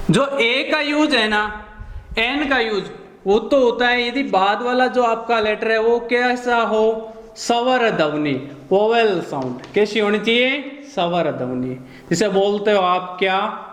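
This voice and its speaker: A man teaching an exam-prep class, asking his students questions and answering them himself with drawn-out repetition. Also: sits high, a bit bright, reverberant.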